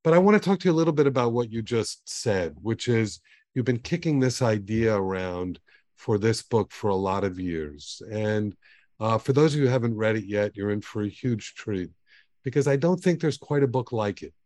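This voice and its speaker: A man's voice: on the low side, lively intonation, normal speed, dry recording. Man hosting an interview, dry close sound. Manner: warm, eager questioner, summarizes guest's book. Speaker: podcast host.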